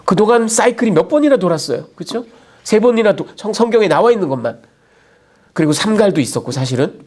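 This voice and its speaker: Higher-voiced pastor chatting through a sermon. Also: male voice, lively intonation, fast, darkish tone. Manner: conversational, seeks nods with rhetorical asides.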